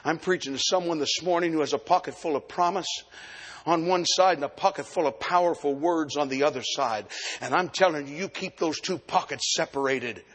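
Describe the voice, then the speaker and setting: His voice is husky and on the high side, and he moves briskly: a pastor in his sixties preaching live. He repeats phrases rhythmically, building to chanted shouting, while long hall reverb and faint music fill the recording.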